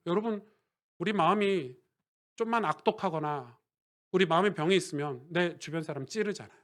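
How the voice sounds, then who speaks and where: High-voiced preaching Korean pastor. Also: male voice. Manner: swings from quiet asides to loud emphatic preaching; conversational, asks the congregation questions. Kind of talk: sermon.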